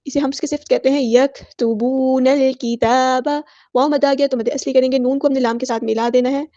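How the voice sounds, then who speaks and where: A woman teaching Quran recitation rules in a patient, step-by-step manner and reciting verses slowly. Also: high-pitched, steady tone, dark tone, no room sound, lo-fi sound. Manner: patient, explains each rule step by step; drawn-out melodic recitation of verses. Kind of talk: tajweed lesson with slow recitation.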